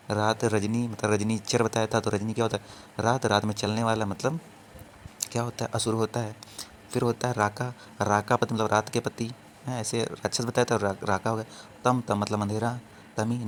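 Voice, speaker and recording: Male teacher, vocabulary lesson, monotone delivery, repeats words, asks and answers own questions, faint background hiss. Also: on the low side. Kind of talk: exam-prep Hindi vocabulary lesson.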